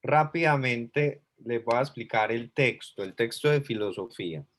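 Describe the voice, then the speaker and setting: Male teacher, mid-pitched, patient, explains step by step to a class on a video call. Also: animated, normal speed, a bit bright. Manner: patient, explanatory, thinking aloud. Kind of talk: online class lecture.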